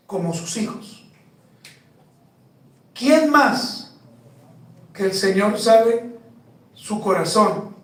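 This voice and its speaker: A man preaching a sermon as pastor, slow and emphatic, putting rhetorical questions to the congregation. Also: high-pitched, heavy reverb, far from the mic, rough recording. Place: church.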